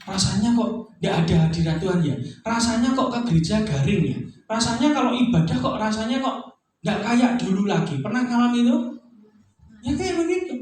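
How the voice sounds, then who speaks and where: Man, pastor, Javanese accent, middle-aged, high voice, lively sermon, distant mic. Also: slight background noise. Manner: animated preaching mixing Javanese phrases, frequent "ya toh?". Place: church hall. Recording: distant mic in echoey church hall.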